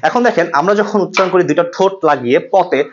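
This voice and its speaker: A man from Bangladesh leads a pronunciation class, his voice sitting a little high. He drills each sound aloud and keeps asking the class if they follow. The classroom recording is slightly muffled. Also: quick pace. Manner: drills sounds aloud with repetition and quiz questions. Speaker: pronunciation instructor. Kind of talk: classroom lesson.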